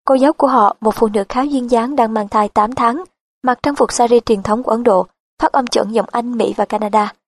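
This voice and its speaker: A woman reading a nonfiction audiobook in an even, measured narration style. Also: a little high, no echo.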